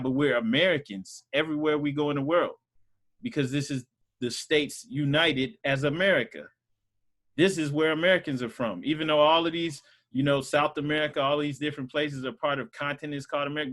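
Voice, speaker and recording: A man teaches a Sunday school group over a video call in a loose, conversational way, using lots of fillers. His voice is a little high, a little fast and fairly bright in tone.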